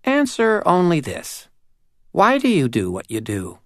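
A man's voice: on the high side, wildly swooping pitch, a little slow, fairly bright tone, dry recording, clean studio sound, pitched above the performer's own voice, heavily acted. A male narrator voicing a small, prim female doll spirit who questions solemnly.

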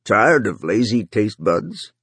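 A man voicing a gravelly older male boss who delivers a slow, salesman-like advertising pitch with a booming voice. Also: big pitch swings, fairly bright tone, no echo, heavily acted. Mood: salesy.

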